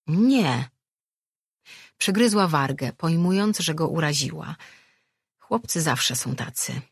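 A woman narrating an audiobook in an even, measured storytelling manner. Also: low voice, husky, dry recording, studio quality. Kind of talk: scripted narration.

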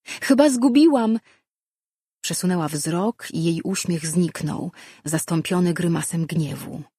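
A man reads a fantasy story aloud in a calm, steady way. His voice is husky, sits at a middle pitch, and sounds dry and close to the mic. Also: unhurried, dry recording. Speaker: audiobook narrator. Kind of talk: scripted fantasy narration.

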